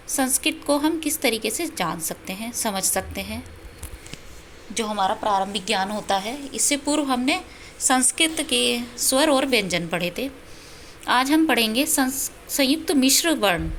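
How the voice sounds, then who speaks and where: A woman's voice: on the high side, a bit bright, a little hiss or hum. A woman teaching a Sanskrit lesson, patiently explaining and spelling out syllables one by one. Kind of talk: self-study lesson.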